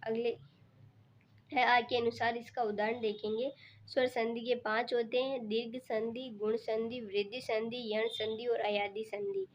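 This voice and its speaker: A woman's voice: a little slow, a little hiss or hum. A woman teaching a grammar lesson for exam preparation, explaining each step patiently and repeating herself. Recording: muffled low-fidelity recording.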